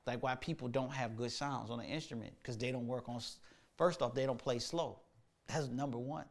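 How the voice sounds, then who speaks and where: A man's voice: medium pitch, fairly even intonation, fairly quick. A man hosting a casual livestream, talking about music practice in a laid-back, slangy way, thinking aloud with lots of fillers. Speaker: musician and show host.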